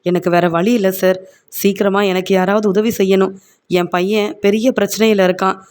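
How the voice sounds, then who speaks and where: A man's voice: high-pitched, little pitch movement, normal speed, clear, resonant tone, lightly acted. A man voicing a pleading distressed mother. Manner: tearful, pleading. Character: distressed middle-aged mother pleading for help.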